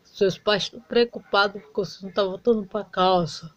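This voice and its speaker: A woman's voice: mid-range voice, fairly even intonation, a little fast, lo-fi sound. A woman playing every part in a home doll soap opera, switching between character voices. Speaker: doll play narrator voicing all characters.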